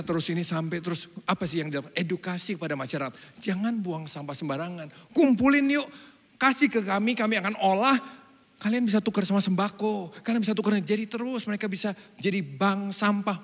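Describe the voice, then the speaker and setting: Man, pastor, lively sermon, soft asides and loud calls, somewhat high voice, long church hall echo. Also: a little fast. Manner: lively preaching, swinging between soft asides and loud exclamations.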